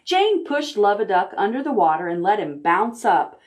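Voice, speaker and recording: In a gentle, deliberate storytime style, a woman librarian reads picture books to preschoolers and asks the children questions along the way. Her mid-range voice is very animated.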